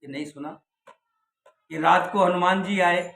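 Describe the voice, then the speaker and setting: A man telling a devotional story in a homely, joking way, drifting into slow chanted verse. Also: high voice, steady tone, gravelly, fairly bright tone, faint music behind. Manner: folksy, jokes with listeners, slows into sung verse. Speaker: religious storyteller. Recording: echoey room with faint noise.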